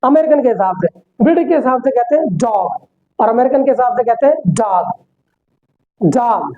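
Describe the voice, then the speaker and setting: A woman with an Indian accent teaching English pronunciation, who explains patiently and repeats words slowly. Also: high-pitched, narrow, tinny audio. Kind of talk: pronunciation lesson mixing Hindi and English.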